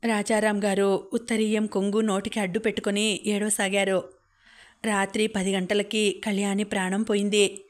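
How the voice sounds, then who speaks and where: Flat, measured woman narrator. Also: medium pitch. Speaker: audiobook narrator. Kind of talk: novel narration.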